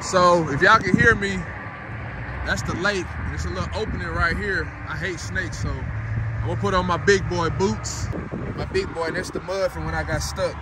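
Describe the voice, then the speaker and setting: A man, chatting casually in a vlog, relaxed and rambling, cussing freely. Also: a little high. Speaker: vlogger. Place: in a parked car, then outdoors by a lake. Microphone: phone held at arm's length. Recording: noisy outdoor phone recording.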